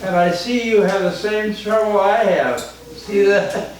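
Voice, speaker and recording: A very old man of ninety-nine chatting casually with children in a halting, rambling, jocular way. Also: high-pitched. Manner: jocular, chuckles often. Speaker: elderly guest, retired forester. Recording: very echoey room, distant mic, faint noise.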